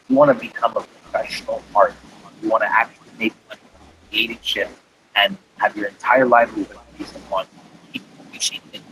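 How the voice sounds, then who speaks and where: A man's voice: lowish voice, fairly bright tone, a little hiss or hum, rough recording. A man, a glass artist, guesting on a podcast, talking in a loose, profane way with many fillers and restarts. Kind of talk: casual chat.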